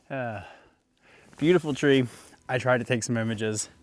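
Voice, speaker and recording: A young adult landscape photographer walks through snowy woods, talking casually to the camera in on-location vlog narration. He's relaxed and musing, though out of breath, and speaks slowly in a mid-range voice.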